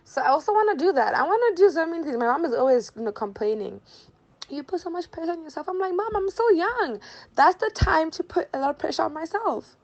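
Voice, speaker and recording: A woman's voice: extremely high pitch, animated, fast talker, highs cut off. A woman in her twenties from Zimbabwe, a social work student chatting as an interview guest, bubbly, laughing often and repeating herself. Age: 20s. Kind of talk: casual interview chat.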